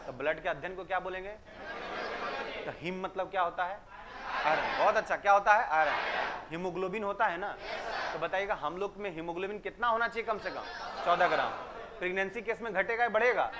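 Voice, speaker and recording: A man's voice: high-pitched, a little fast, over a noisy crowd, heavy background noise. A man teaching a class, telling jokes and quizzing students and repeating their answers back. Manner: joking storyteller, fires questions at students and repeats their answers.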